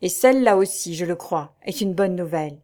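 A woman's voice: fairly low pitch, expressive, fairly quick, darkish tone, natural voice. A woman reading the lines of a kindly, fatherly priest in a novel, speaking earnestly and reassuringly. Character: kindly paternal old male priest.

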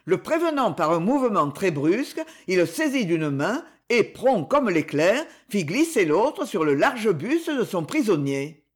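A narrator reading a classic novel aloud in an expressive, dramatic manner. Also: medium pitch, a little slow, hardly any pauses, breathy edge. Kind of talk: audiobook narration.

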